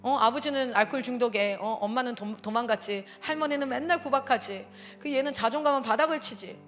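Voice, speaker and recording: A woman's voice: on the high side, a little fast, faint music behind. A woman missionary giving a church parenting seminar talk, telling stories in an emphatic, exclamatory way. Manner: emphatic, animated storytelling with frequent exclamations. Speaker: missionary speaker.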